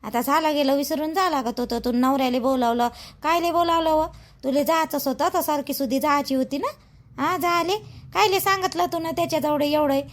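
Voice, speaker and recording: Brief: woman as a fussing rustic mother-in-law, high scolding voice. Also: a little fast, lightly acted. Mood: reproachful. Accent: Vidarbha Marathi. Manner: scolding, pleading. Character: scolding village mother-in-law, middle-aged.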